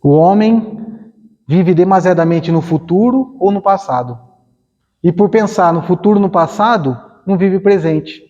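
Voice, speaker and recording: A Brazilian man with a fairly high yet mellow voice gives a conversational spiritist lecture, slipping into short acted-out exchanges and questions to the room. His voice rings with a long reverb, and the recording sounds dull and lo-fi. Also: normal speed. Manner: conversational, acts out little dialogues, asks the audience questions. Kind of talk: informal spiritist talk. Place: spiritist center hall.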